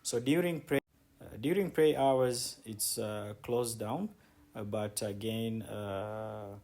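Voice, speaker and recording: This man's voice sits on the low side, with a darkish tone and an unhurried delivery. Guiding viewers through city streets outdoors, the travel vlogger and city guide keeps his commentary casual and conversational, often repeating words for emphasis. Outdoor street ambience and background noise are present.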